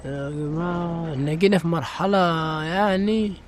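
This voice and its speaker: A man's voice: a little high, fairly quick, a little mellow, a little hiss or hum. A young man with an Egyptian Arabic accent, giving jumpy let's-play commentary and exclaiming to his viewers as he plays. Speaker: gaming channel host.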